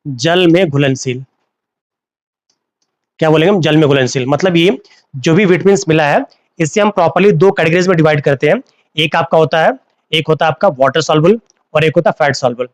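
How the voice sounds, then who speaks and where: Male teacher, live class on a phone, a bit high-pitched, dry close sound, repeats terms as questions. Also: no room sound. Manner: repeats key terms as questions to students, mixes Hindi and English.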